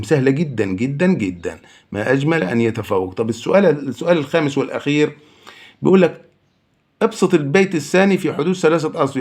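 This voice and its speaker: A man's voice: medium pitch, a little mellow. A man with an Egyptian accent working through exam questions as a teacher, asking and answering his own questions. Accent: Egyptian Arabic. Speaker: Arabic teacher. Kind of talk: exam answer walkthrough lesson.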